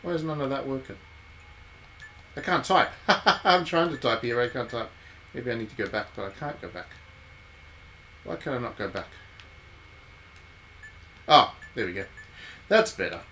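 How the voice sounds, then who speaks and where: Commenting live and casually on his visual novel playthrough, a man with a mid-range voice talks at a moderate pace, pausing often as he rambles and thinks aloud. A steady background noise runs throughout.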